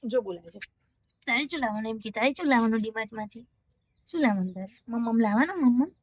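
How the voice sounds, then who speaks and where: A woman's voice: a little high, expressive, fast talker, a little mellow. A woman, a mother hosting a casual family vlog, chatty and coaxing her children with questions.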